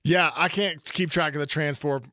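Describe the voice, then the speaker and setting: A man hosting a casual sports podcast, rambling through animated stories. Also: a little high, moderate pace, dry recording, clean studio sound. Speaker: podcast host.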